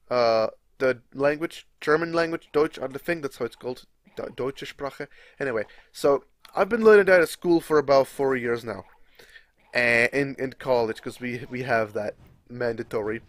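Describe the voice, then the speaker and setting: A young Czech man with a Czech accent rambles casually while commentating a game, his mid-range voice animated and a little slow with no echo. He restarts sentences and swears now and then.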